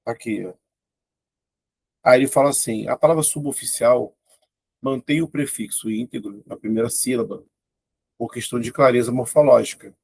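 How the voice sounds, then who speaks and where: A man teaching an exam-prep grammar lesson. His voice is husky with a gravelly edge, and his speech is casual and exclaiming as he works through each item. The recording is close and dry. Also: mid-range voice, moderate pace, long pauses, darkish tone, no room sound. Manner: informal, thinks aloud, exclaims at tricky items. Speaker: Portuguese teacher.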